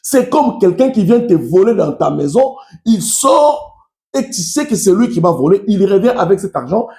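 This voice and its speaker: A man from Kasai, whose first language is Tshiluba and who speaks with a Congolese French accent, delivers impassioned political commentary straight to his followers. His high voice is sing-song and darkish at a moderate pace, emphatic and repetitive, in a reverberant recording.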